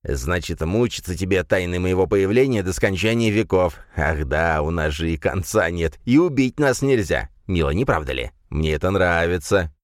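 A man with a very deep voice voicing a mocking, cruel inner darkness that taunts its host, in an audiobook reading. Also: lively intonation, moderate pace, few pauses, no echo, studio quality. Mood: gleeful.

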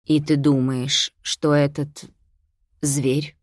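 A woman reading an audiobook, voicing a serious father who speaks gravely and with doubt. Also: deep voice, flat delivery, extremely slow, dry recording, studio quality, exaggerated voice.

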